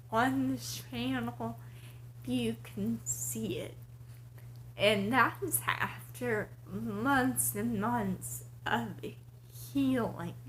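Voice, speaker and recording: A woman vlogger with breathy, airy starts to her words, talking casually in slow, halting, short broken phrases. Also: a little high, a little hiss or hum, poor audio. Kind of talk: casual personal vlog to camera.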